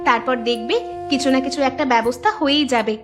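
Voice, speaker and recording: A woman doing a responsible elder daughter in a cartoon story. She speaks in a high, steady, reassuring voice. A music bed plays underneath. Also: fast talker, close to an everyday voice. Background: background music.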